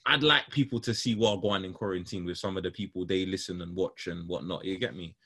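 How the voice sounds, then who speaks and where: A man's voice: sits low, quick pace, pushed and bright, slightly rough. London roadman-style male podcast host. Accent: London, urban street style. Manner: slangy London roadman talk. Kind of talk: casual chat.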